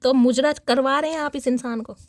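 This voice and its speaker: A woman's voice: high voice, steady tone, a little fast, no room sound, studio quality. A young woman giving a casual tarot reading to her viewers, playful and teasing, laughing often. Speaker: tarot reader.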